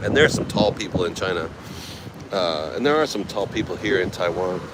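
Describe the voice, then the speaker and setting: Answering viewers on his travel livestream, a laid-back, middle-aged American man from California rambles at a beachside night market, caught on a noisy outdoor street recording. His low-pitched voice is animated and fairly quick.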